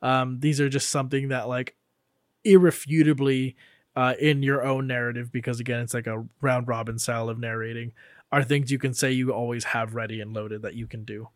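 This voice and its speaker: A man's voice: medium pitch, flat delivery, a little fast, no echo, clean studio sound. A man playing in a tabletop game, musing aloud about his character with frequent fillers. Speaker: player. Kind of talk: casual tabletop game chat.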